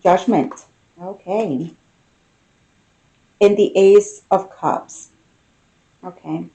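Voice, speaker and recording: A woman giving an unscripted, intimate tarot reading, pausing and thinking aloud as she talks to the listener. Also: fairly low pitch, dark tone, poor audio. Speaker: tarot reader.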